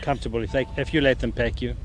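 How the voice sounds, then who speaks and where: Easygoing chuckling rancher from South Africa. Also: male voice, mid-range voice, fairly even intonation, very fast, a little hiss or hum. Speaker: ostrich rancher. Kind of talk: casual interview answers. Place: outdoors at an ostrich ranch. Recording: archive TV clip with loud music.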